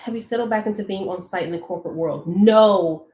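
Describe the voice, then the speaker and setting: A woman's voice: medium pitch, brisk, a little mellow, echoey room. A woman co-hosting a live chat, asking questions and laughing a lot. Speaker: co-host of a live chat show. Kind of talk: casual chat.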